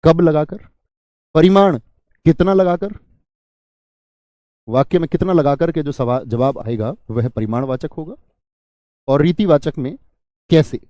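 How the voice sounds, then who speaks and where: A man teaches Hindi grammar to an online exam-prep class in a slightly high, mellow voice. The sound is dry and close, with no room echo. He explains slowly, repeats the key terms, and asks questions that he answers himself.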